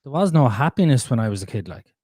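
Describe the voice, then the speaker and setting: A man telling his life story as a podcast guest, blunt and animated, swearing freely. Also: medium pitch, quick pace, husky, dry recording. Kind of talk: candid conversational storytelling.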